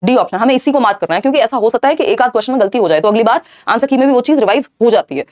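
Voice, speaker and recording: Female tutor, live online lesson, rapid explanatory delivery, slightly high voice. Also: lively intonation, a little mellow. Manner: brisk, explanatory, talks to chat viewers. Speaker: teacher.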